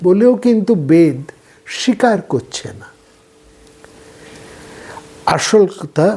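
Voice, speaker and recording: Slow, mellow Bengali-speaking lecturer man. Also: high voice. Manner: measured, deliberate, trailing off softly at phrase ends. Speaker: philosophy lecturer.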